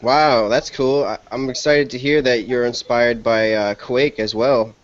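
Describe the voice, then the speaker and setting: A man's voice: medium pitch, fairly even intonation, unhurried, dry recording. A man with a Boston accent hosts a casual podcast interview. His questions ramble and repeat words as he goes. The recording is dull, lo-fi and very dry. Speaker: podcast host.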